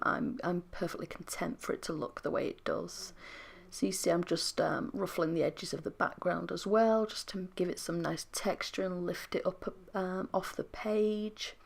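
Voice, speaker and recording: Speaking right up against the microphone, a British scrapbooking host records a voiceover while sick and losing her voice. Her lowish, gravelly tone comes out half-whispered and soft as she rambles apologetically.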